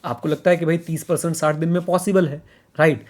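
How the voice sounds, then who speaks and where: A fairly high-pitched man, talking casually as a podcast co-host. He hammers his points home, repeating them, and slips English phrases into his speech. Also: fairly even intonation, fairly quick.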